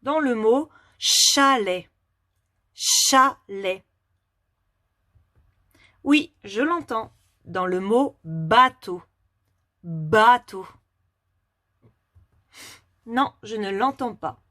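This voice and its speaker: A woman teaching a phonics lesson to young children, asking questions patiently and clearly articulating each word. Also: a little high, animated, slow pace, bright, forceful tone, no room sound, studio quality.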